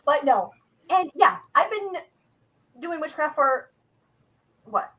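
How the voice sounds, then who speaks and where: A woman's voice: high-pitched, very animated, slow pace, bright, forceful tone, poor audio. A woman in her thirties, co-host, talking bluntly in casual chat with lots of swearing and laughter. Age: 30s.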